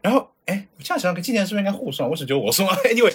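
This podcast co-host, a Chinese man living in Japan, talks in a high voice at a rapid-fire clip against a noisy background. During the casual chat he tells energetic stories, acting out and imitating the voices of the people involved.

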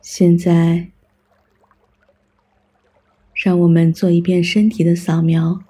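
A meditation guide with a strongly breathy, husky voice. The delivery is very slow and soothing, leaving long pauses between short scripted instructions. The tone is mellow and calm throughout. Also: medium pitch.

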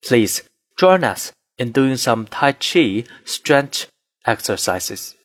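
A man reading scripted cabin announcements as a flight attendant, in a formal, measured, phrase-by-phrase manner. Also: mid-range voice, very animated, no room sound.

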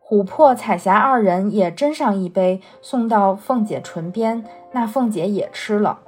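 Woman reader, husky breathy voice, steady novel narration, faint music underneath. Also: medium pitch, unhurried. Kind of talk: reading a classic novel aloud.

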